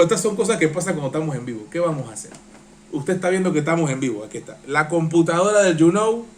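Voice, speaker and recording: A Panamanian-accented man hosts a live-stream political reaction show, his fairly high voice straining as he grows excitable and worked up. The recording carries a slight hiss or hum.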